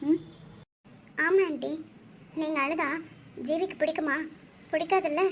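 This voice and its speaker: A woman's voice: high voice, fairly even intonation, measured pace, a little hiss or hum. A woman voicing an earnest young woman who persuades a grieving mother to rest, in a cartoon dub. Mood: persuasive.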